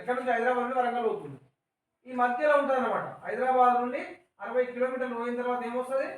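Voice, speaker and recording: A man's voice: extremely high pitch, fairly bright tone, far from the mic. Male schoolteacher, Telangana accent, patient call-and-response lesson, recorded from across an echoey classroom. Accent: Telangana Telugu. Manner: patient, explains words and asks questions. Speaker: teacher.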